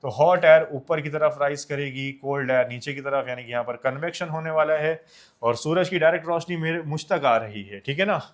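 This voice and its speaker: A man's voice: on the high side, a little fast. A young man from India teaching a science lesson for exams, mixing Hindi and English, asking questions and answering them himself, and calling his students children. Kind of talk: exam-focused science lecture.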